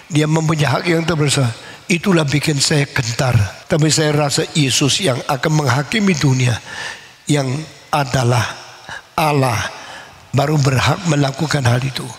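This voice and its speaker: A man preaches a sermon woven with a personal story. His fairly high voice has a gravelly edge, and he rises sharply on his emphatic points, then slows down to let them land. The long reverb of a large hall rings after every phrase. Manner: emphatic, rising on key points, slows for weight.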